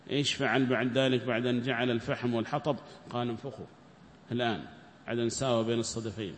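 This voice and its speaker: A man giving a verse-by-verse scripture lesson, quizzing his listeners with quick rhetorical questions. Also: medium pitch. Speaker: Quran teacher. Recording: echoey hall with faint background noise.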